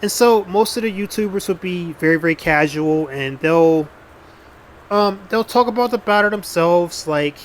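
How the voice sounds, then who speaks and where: A gaming YouTuber gives casual, blunt, rambling commentary on gameplay, often restarting his sentences and swearing now and then. His voice sits high at a moderate pace, with a little hiss or hum in the audio.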